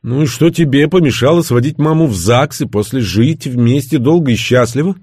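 A man's voice: on the high side, very animated, a little slow, a little mellow, no room sound, clean studio sound, voice pushed up, full character voice. An audiobook narrator voicing a nervous, sarcastic young male agent in an edgy, raised voice. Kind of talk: audiobook character reading.

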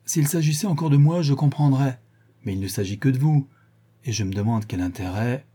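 A man doing a sharp, imperious English detective. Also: medium pitch, lively intonation, a little fast, husky, pitched above the performer's own voice. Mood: worried. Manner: sharp, scolding questions.

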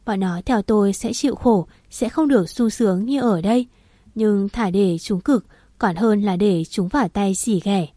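A woman narrating a first-person story in a calm, even reading. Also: mid-range voice, moderate pace, dry recording.

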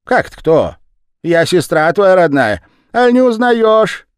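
A man voicing a sly, greedy, shaggy aunt in a storybook reading, with a shrill, wheedling, loud delivery. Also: big pitch swings, a little slow, clear, resonant tone, no room sound, studio quality.

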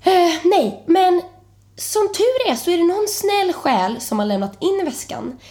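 This podcast host, a young woman, shares a messy travel tale in a relaxed chat. Whenever she replays the moment of panic, her lively delivery shoots up into an excited, high register.

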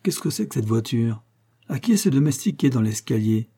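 A man voicing an indignant middle-aged widow who scolds fast and loud in a storybook reading. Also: medium pitch, sing-song, husky. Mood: scolding.

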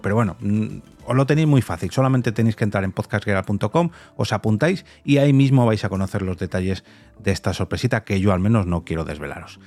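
A Spanish-accented man with a lowish, darkish voice hosts and interviews on a podcast, chatty and informal and fond of diminutives. The talk is conversational, running through an interview and a sign-off.

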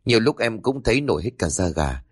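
A man voicing a cautious young male thug in a spoken horror story, hushed and wary. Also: fairly low pitch, very animated, quick pace, breathy edge, no echo, clean studio sound.

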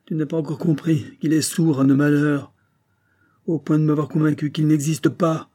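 A man reading the part of a desperate, impoverished father who pleads and then questions his faith bitterly, in a mellow, husky voice. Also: a little high, little pitch movement, normal speed, voice pushed up, lightly acted. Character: despairing poor older father, bitter.

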